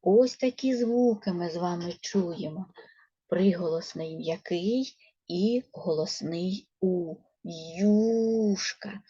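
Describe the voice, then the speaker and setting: Woman teacher, Ukrainian accent, slow patient coaxing, mellow husky voice, dull lo-fi recording. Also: fairly low pitch. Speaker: primary school teacher. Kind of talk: first-grade reading lesson.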